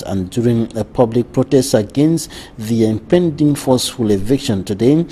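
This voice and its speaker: A man with a Cameroonian accent reading scripted news narration as a reporter. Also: dark tone. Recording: clear background noise and rumble.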